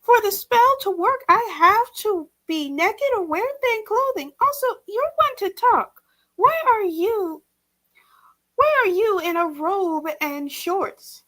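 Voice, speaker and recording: A frightened young wife in a dark fantasy story, pleading in a high, trembling voice, as a woman reading aloud puts her on. She speaks slowly and anxiously, pitched well above an ordinary speaking voice. The sound comes through a video call. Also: steady tone. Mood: alarmed.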